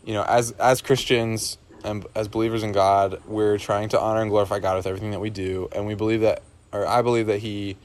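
A man's voice: lowish voice, little pitch movement, brisk, hardly any pauses, slight background noise. A young man in casual podcast chat, thinking aloud and rambling with many fillers and restarts.

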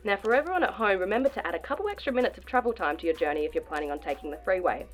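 A woman's voice: medium pitch, animated, rapid-fire, faint music behind, close to an everyday voice. An Australian woman playing a relentlessly professional traffic reporter in a radio comedy sketch. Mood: businesslike. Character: cheerfully professional female traffic reporter carrying on through disaster.

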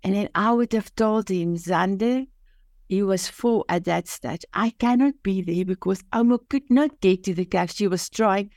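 An older woman, a native Afrikaans speaker from South Africa with a matching accent, talks through her personal story on a podcast where she is a guest. Her voice is medium in pitch with a darkish tone and a moderate pace, recorded at studio quality without echo. She comes across as earnest and heartfelt, speaking simply and starting over frequently.

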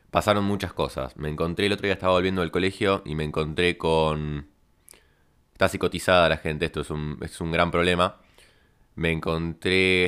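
A man with a Rioplatense Spanish accent telling a rambling comic story in a deadpan way. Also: low-pitched, smooth. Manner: deadpan, rambling, absurd tangents. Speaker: podcast host.

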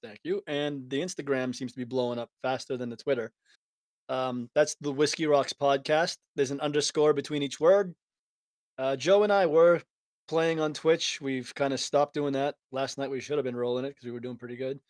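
A man hosting a podcast in casual chat, relaxed and rambling, chuckling often. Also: medium pitch, normal speed, no room sound. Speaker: podcast host.

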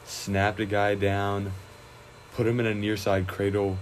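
A young man, a high school wrestler, chatting casually in an interview, relaxed and rambling with many fillers and restarts. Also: measured pace, slight background noise, poor audio.

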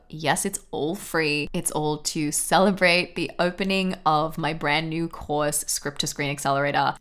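A woman hosting a podcast, talking in an upbeat, enthusiastic way as she introduces the episode and promotes her course. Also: sits low. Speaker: podcast host and film coach.

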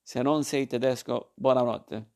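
A man's voice: mid-range voice, steady tone, unhurried, a little mellow, lightly acted. A man voicing a spiteful old man in a storybook reading, with a taunting, sneering manner.

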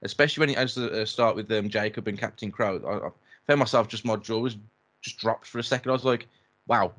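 A man's voice: fairly low pitch, fast talker, fairly bright tone. Eager young man gushing. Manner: eager, gushing, casual slang. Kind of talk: casual film review chat.

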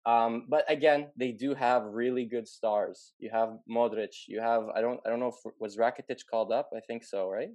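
A man co-hosting a relaxed football discussion, his voice sitting in an ordinary middle pitch. He talks loosely, hedging and thinking his opinions through out loud. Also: moderate pace, hardly any pauses, no echo. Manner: chatty, hedging, thinks aloud. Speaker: podcast co-host. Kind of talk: casual sports chat.

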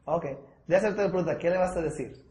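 A high-voiced man runs a sales training session, walking his group through objections and switching into English words mid-sentence. His voice bounces around an echoey room. He keeps up an energetic, coaching push. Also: fairly quick. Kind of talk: sales training talk with role-play.

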